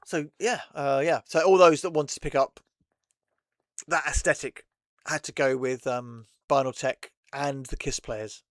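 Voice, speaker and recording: A man's voice: medium pitch, steady tone, measured pace, dry recording, studio quality. A man hosting a casual chat, rambling and laughing often between thoughts. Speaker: host.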